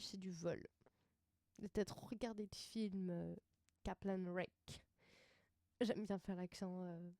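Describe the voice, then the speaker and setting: A woman's voice: mid-range voice, dark tone, no echo, clean studio sound. A woman hosting a casual web radio show, rambling and hesitant with many fillers and easy laughs. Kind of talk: casual live radio chat.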